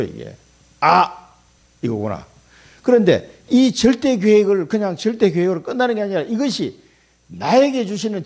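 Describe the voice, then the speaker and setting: A middle-aged man preaches from the pulpit in a folksy, emphatic sermon, with sudden loud bursts and soft drops. His voice sits fairly high and leaps around a lot in pitch. It has a gravelly, husky edge. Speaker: pastor.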